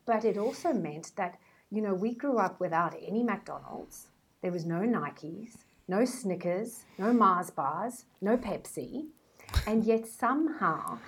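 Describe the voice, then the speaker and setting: On a podcast interview, a guest with a fairly low, husky voice shares stories in a chatty manner. She is a brand strategist in her forties who speaks with a South African accent.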